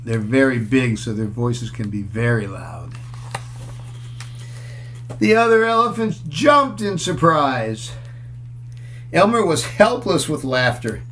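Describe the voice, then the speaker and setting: Reading a children's picture book in a sing-song, storytelling way, a man with a slightly high, fairly bright voice stops for chatty asides. He comments on the pictures and questions his listeners.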